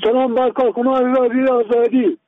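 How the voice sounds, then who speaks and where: Man, afghan dari accent, radio call-in over phone, very high voice, formal, tinny line. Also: flat delivery. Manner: formal, recites numbers one by one. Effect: heard over a phone line on the radio. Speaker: caller to a radio missing-persons line.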